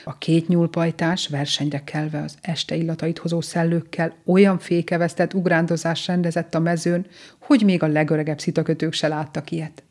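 Low-voiced woman reading a children's story. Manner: calm, gentle and measured.

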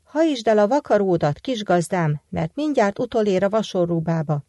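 A woman's voice: mid-range voice, lively intonation, dark tone, no echo, studio quality, natural voice. A woman voicing a loyal magic talking horse. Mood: urgent. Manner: urgent warning.

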